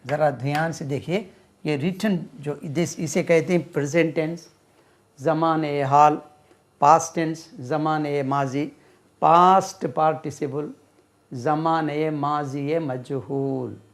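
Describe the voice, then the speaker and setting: A man gives an English lesson at a slow, patient pace. His voice sits a little high for a man, and he repeats each word and phrase as he writes it out. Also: fairly even intonation. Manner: slow, repeats words and spells them out while writing. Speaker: English teacher. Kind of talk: classroom-style lesson explaining grammar.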